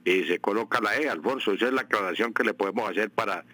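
A man's voice: on the low side, quick pace, bright, forceful tone, no echo, poor audio. A man on a radio show answering listeners' grammar questions, explaining patiently with many fillers and repeating example words. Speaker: language expert on a radio show. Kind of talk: radio language advice segment. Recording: radio broadcast.

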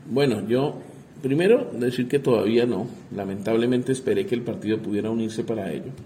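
A man, a congressman answering interview questions in a halting way, often repeating words as he searches for them. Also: mid-range voice, dark tone, slight background noise.

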